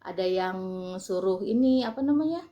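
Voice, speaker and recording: An Indonesian woman talking casually to her vlog audience. She explains things at an easy pace, pausing often with fillers as she searches for words. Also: on the high side, lively intonation, muffled recording. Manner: chatty, explaining, frequent fillers. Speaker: vlogger. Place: lives in Turkey.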